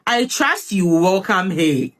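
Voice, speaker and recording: Sex: man, read by a woman. Figure: calm, insistent husband. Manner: gentle, persuasive, slow and lively in pitch.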